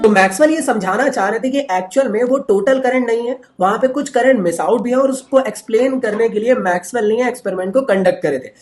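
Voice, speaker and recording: A man teaching physics in a lively exam-prep lecture, playful and joking, acting out scientists in funny voices. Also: extremely high pitch, brisk, hardly any pauses, soft background music.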